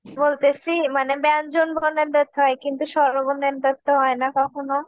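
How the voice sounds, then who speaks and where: High-voiced woman student answering. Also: little pitch movement, fairly quick, dry recording, muffled recording. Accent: Bangladeshi Bengali. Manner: answers questions politely. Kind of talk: answering in an online class.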